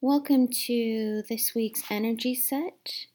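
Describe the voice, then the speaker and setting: Slow, soft-spoken woman guiding a meditation. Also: a little high, fairly even intonation. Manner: soft, soothing, unhurried with long pauses. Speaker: guided meditation host. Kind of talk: guided meditation, instructing listeners to relax and breathe.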